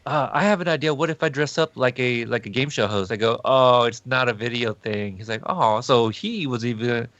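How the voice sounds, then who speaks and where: A man's voice: medium pitch, normal speed, hardly any pauses, a bit bright, dry recording. Man, trivia co-host, casual chat, easygoing, dry close sound, lo-fi. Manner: easygoing, explains things, laughs along. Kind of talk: casual chat on a live stream.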